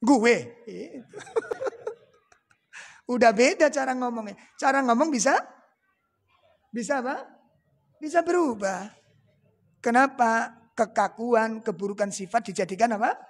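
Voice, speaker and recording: Male preacher, Javanese accent, husky gravelly voice, jokey, quizzes the crowd. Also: very high voice, moderate pace, pauses often. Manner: joking, asks the audience rhetorical questions. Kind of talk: religious lecture.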